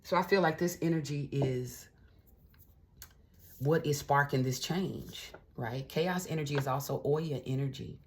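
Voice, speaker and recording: A woman's voice: very deep voice, a little slow. A woman tarot reader giving a casual, encouraging reading straight to camera. She talks in a chatty way, often adding little check-ins and fillers, and keeps an uplifting spiritual tone. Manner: spiritual, uplifting pep-talk tone.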